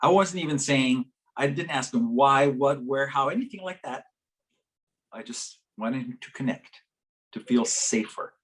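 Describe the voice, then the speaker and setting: Animated man telling a story in a workshop. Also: a little slow. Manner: animated, acts out quoted voices with big pitch jumps; laughs as he talks. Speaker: workshop presenter. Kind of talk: storytelling talk to a live audience. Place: conference workshop session.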